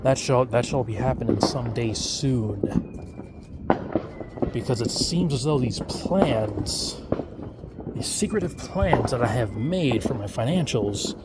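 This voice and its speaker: Guy rambling slow in a vlog outside at night, fireworks popping loud in the background. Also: medium pitch, lively intonation, very noisy. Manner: rambling, hesitant, many fillers. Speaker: vlogger. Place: outdoors at night. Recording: loud fireworks and firecrackers outdoors.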